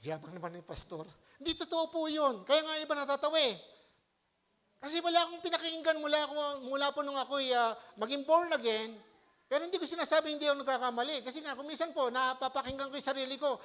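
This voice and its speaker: A male pastor preaching a lively sermon in church, often checking his listeners with a rhetorical "Hello?" and swinging between loud exhortation and quiet asides. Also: very high-pitched, fast talker. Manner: animated, keeps asking the congregation "Hello?".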